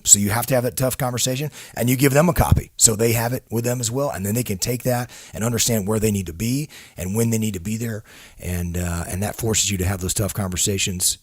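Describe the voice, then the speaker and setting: A man co-hosting a leadership podcast, telling stories in a relaxed way with halting restarts. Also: on the low side, breathy edge, no echo, studio quality. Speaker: podcast co-host. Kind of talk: leadership discussion.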